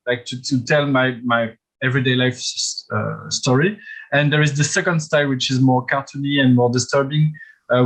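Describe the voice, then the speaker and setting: Halting soft-spoken man, flat delivery. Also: mid-range voice, poor audio. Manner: halting, many restarts and fillers. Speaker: film director. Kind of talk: festival Q&A.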